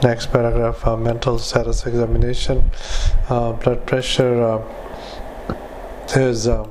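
Guy doing medical dictation, really monotone, clipped phrases, bit of background noise. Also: medium pitch, a little slow. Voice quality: flat, monotone delivery. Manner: clipped fragments, spoken punctuation and formatting commands. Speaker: clinician dictating patient notes.

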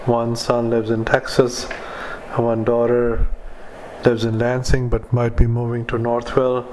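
With a mid-range voice and a measured pace, a man dictates medical notes like a clinician, speaking in terse fragments and including spoken punctuation and formatting commands, all in a flat monotone. Background noise is audible.

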